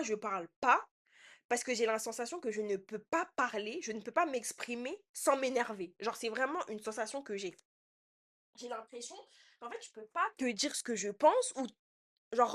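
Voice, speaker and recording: A young woman telling a personal story in casual slang, swinging between quiet asides and loud outbursts. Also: on the high side. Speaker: podcast host.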